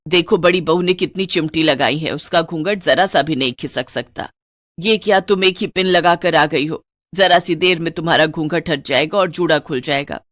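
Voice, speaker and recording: A woman's voice: deep voice, moderate pace, a bit bright, dry recording. A woman doing a stern old-fashioned mother-in-law. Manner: scolding, commanding.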